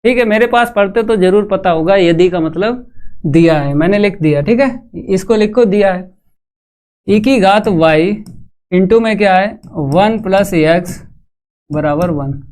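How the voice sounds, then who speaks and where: A man's voice: sits high, clear, resonant tone. A man teaching maths in a live online class, walking students through each step and putting questions to the chat. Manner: calls students "bhai".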